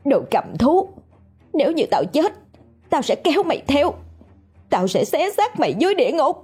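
A woman voicing a furious, desperate young village woman who screams curses in a hoarse voice. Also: sits high, big pitch swings, moderate pace, a little mellow, soft background music, pitched above the performer's own voice. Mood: enraged.

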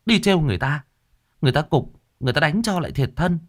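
A man voicing a bossy, sharp-tongued young woman who nags quickly in a raised voice. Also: fairly high pitch, animated, pitched above the performer's own voice. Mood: scolding.

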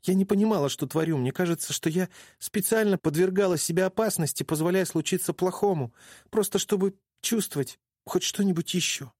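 A man voicing a frightened, tearful teenage girl, speaking in a higher, breathy, pleading voice. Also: fairly quick, darkish tone, no echo, clean studio sound.

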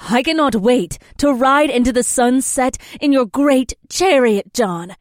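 A fierce young warrior princess, with a very high voice. She speaks in stiff, formal, old-fashioned phrases and is eager for battle. The sound is close and dry. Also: dry recording.

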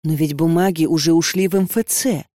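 A woman's voice: low-pitched, fairly even intonation, fairly quick, warm tone, no room sound, studio quality, lightly acted. A woman reading an audiobook and voicing a frightened, defiant young female student who speaks in a strained way. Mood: defensive.

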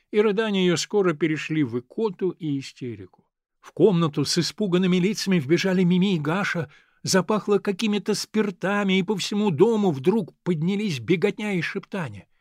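A man reading a first-person literary novel aloud with expressive delivery. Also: high-pitched, brisk, dry recording, studio quality. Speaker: audiobook narrator.

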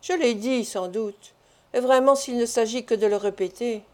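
A woman's voice: on the high side, normal speed, darkish tone, lightly acted. A woman voicing a boastful, mocking male village doctor who turns flustered, in a storybook reading. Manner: jeering, then flustered and pleading.

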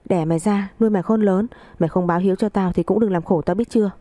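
A woman voicing an elderly father who shouts and scolds his grown son harshly, in a storybook reading. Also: medium pitch, steady tone, fast, no room sound, close to an everyday voice. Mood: angry scolding.

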